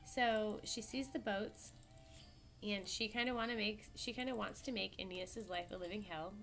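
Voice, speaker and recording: A woman's voice: medium pitch, normal speed, vocal fry, fairly bright tone, soft background music. Chatty woman teacher retelling an epic. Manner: casual, chatty, self-correcting storyteller. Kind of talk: classroom lecture.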